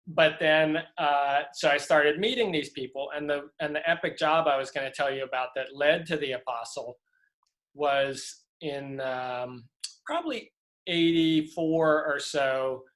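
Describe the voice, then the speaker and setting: The audio is poor as a middle-aged man from Louisiana, a prop master, tells stories in a relaxed interview over video call. He speaks a little high and a little slow, rambling with many fillers and restarts.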